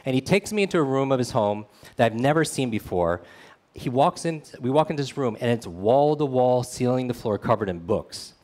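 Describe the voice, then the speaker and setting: A man delivers a motivational talk built around a personal story. His voice sits at an ordinary middle pitch. He speaks earnestly and keeps turning to the audience with quick questions. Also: lively intonation, darkish tone. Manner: earnest, speaks straight to the audience with frequent "right?". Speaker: speaker at a meetup.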